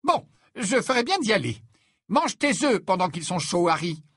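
A man voicing a brisk, stern middle-aged mother who scolds and gives orders sharply in a storybook reading. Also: high-pitched, very animated, breathy edge, no echo, clean studio sound, pitched above the performer's own voice, exaggerated voice. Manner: sharp, commanding.

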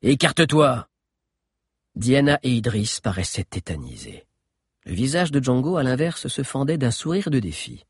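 A man narrating an adventure audiobook in an expressive storytelling manner. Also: mid-range voice, normal speed, husky, no room sound, studio quality.

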